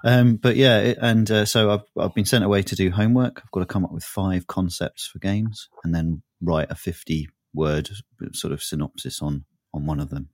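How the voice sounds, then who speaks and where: A southern English podcast co-host with a sore, throaty, low-sitting voice chats casually at a moderate pace, rambling, laughing often, and hardly pausing. The recording is dry and studio quality.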